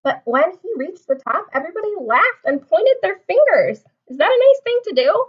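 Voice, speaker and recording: A teacher with a very high, very animated voice reads a picture book aloud to young children at normal speed, over dull audio. She explains expressively and asks her listeners questions throughout.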